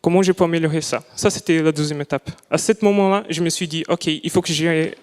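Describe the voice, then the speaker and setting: A young man presents his student project, speaking a language that is not his first. He talks carefully, restarts often and searches for words. His voice is slightly high and smooth, with a long reverb from the hall. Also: fairly even intonation, fast, darkish tone. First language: not French. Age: young adult. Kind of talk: live presentation talk. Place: lecture hall.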